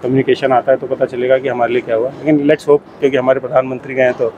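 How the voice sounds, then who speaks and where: A man from Jaipur, an exhibitor at a garments fair, answering interview questions in a mix of Hindi and English with many pauses. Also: mid-range voice, level tone, background noise. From Jaipur, India. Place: busy trade fair hall.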